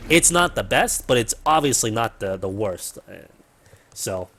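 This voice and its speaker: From his apartment, a man runs a gaming livestream with soft music playing behind him, chatting casually and rambling with fillers and occasional swearing. His cheap mic sits close to his mouth, and his voice is medium-pitched and fairly bright, with lively intonation and a slightly slow pace.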